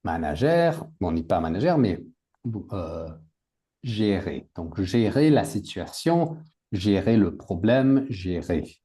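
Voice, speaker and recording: A man's voice: deep voice, sing-song, slow, dark tone. A man teaching a language class, patiently repeating words and adding English glosses for his students. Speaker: French teacher.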